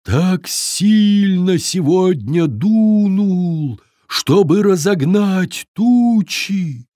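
A man doing a humming, drawn-out wind. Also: high-pitched, expressive, warm tone, no room sound, studio quality, voice pushed up, exaggerated voice. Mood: apologetic. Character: gusty rueful wind spirit.

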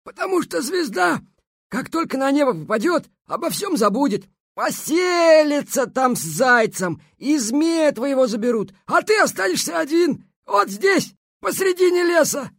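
A woman's voice: high-pitched, sing-song, measured pace, dry recording, studio quality, pitched above the performer's own voice, full character voice. A woman voicing a sly, cold-hearted male beaver with a chipped tooth in a storybook tale, sneering and taunting. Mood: scheming.

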